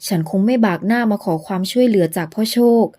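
An earnest, worried young male herbal doctor in an audio novel speaks in a measured, gently pleading way, voiced by a woman narrator. His voice is mellow and warm. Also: mid-range voice, natural voice.

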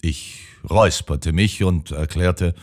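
A man narrating an audiobook in the first person with a measured storytelling delivery. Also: low-pitched.

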